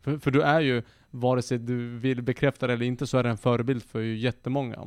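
Smooth-voiced thirty-five-year-old male host. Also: medium pitch, fairly even intonation, darkish tone, no room sound, clean studio sound. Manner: friendly, joking questioner. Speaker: podcast host. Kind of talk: casual podcast interview.

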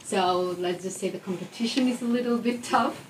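A woman's voice: medium pitch, a little fast. Young Albanian-accented woman, echoey and distant. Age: young adult. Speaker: student election candidate, guest. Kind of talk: casual interview. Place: echoey room described as a recording studio. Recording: roomy echo, distant mic, faint noise.

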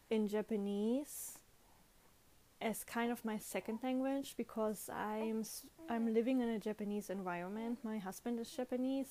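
This podcast host is a young German-accented woman talking informally in English, her second language, in a loose monologue full of restarts and self-corrections. Her voice is fairly high and warm.

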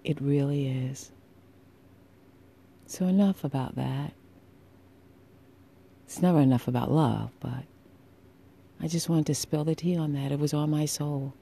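A woman with a very dark, mellow, sultry voice delivers an intimate solo podcast. Her tone is husky and her pace is slow and deliberate, with emphatic pauses. She addresses listeners with affection and encouragement. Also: low voice. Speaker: podcast host.

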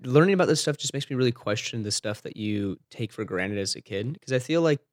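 A man's voice: medium pitch, animated, fast talker, no room sound, studio quality. A man co-hosting a casual podcast chat, easygoing and agreeable. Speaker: podcast co-host.

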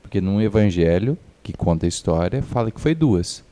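A man with a Brazilian accent, a podcast guest who explains scripture in a calm, teacherly way, step by step. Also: on the low side, normal speed. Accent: Brazilian Portuguese. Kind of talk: casual explanatory podcast chat.

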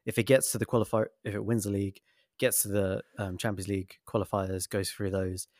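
A man's voice: on the low side, flat delivery, a little fast, a little mellow, dry recording, clean studio sound. A man co-hosting a football podcast, enthusiastic and rambling in his analysis. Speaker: podcast co-host. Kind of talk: casual football podcast chat.

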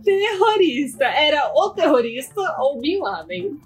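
A woman co-hosting a podcast, chatting casually with opinionated, quick-reacting banter. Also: high voice, lively intonation, soft background music. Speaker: podcast co-host. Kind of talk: casual chat.

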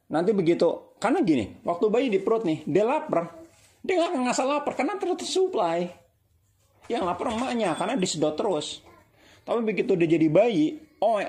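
A man's voice: high voice, darkish tone. A middle-aged man giving a casual religious talk, conversational and repetitive, asking rhetorical questions. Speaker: Islamic preacher.

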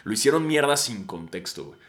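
A Mexican man in his thirties hosting a podcast, telling stories in an animated, slangy way and swearing freely. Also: medium pitch, a little fast. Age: 30s. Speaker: podcast host. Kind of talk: casual storytelling monologue.

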